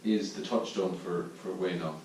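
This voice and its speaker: A man with an Irish accent giving a reflective dharma talk as a Zen teacher at a retreat, pausing to search for his words. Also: sits low, steady tone, a little mellow. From Ireland. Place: meditation hall at a retreat centre. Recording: distant mic in a very echoey room with faint noise.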